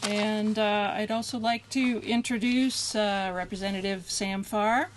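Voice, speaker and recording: A woman's voice: mid-range voice, steady tone, a little slow. Woman, ceremony emcee, casual with fillers, outdoors, noisy recording. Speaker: board member emceeing a dedication ceremony. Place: outdoor county park.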